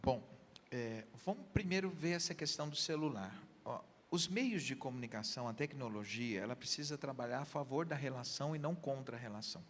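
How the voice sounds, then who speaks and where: A man's voice: medium pitch, expressive, fairly quick, fairly bright tone, long reverb tail, a little hiss or hum. A man with a Brazilian Portuguese accent, a pastor, giving earnest counseling advice with everyday examples on a church program. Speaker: pastor, guest.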